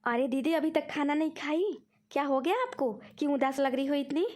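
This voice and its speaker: A woman's voice: high voice, animated, a little fast, darkish tone. A woman voicing a scheming younger friend who coaxes and tricks in a cartoon. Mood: explaining. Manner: coaxing, sweetly persuasive. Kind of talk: cartoon voice acting.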